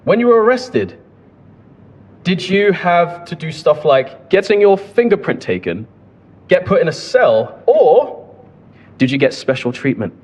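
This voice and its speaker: Gentle, apologetic young man asking questions. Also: high voice, very animated, unhurried, husky. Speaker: audience questioner.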